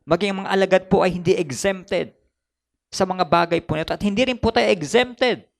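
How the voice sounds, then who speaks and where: Man, Filipino accent, pastor, sermon, gravelly, very high pitched, repeats for emphasis. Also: moderate pace. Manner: mixes Tagalog with English, repeats phrases for emphasis.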